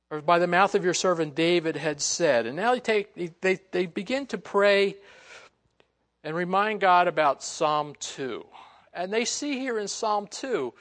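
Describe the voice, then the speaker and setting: A man's voice: high-pitched, fairly bright tone. A male pastor preaching a sermon that explains scripture verse by verse, in a conversational, folksy way with frequent "you know" fillers. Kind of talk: expository sermon.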